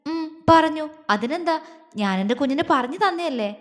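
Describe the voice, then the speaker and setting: A woman voicing a teasing but doting young husband who speaks gently and coaxingly, with a long hall reverb. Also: high-pitched, lively intonation, moderate pace. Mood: tender concerned.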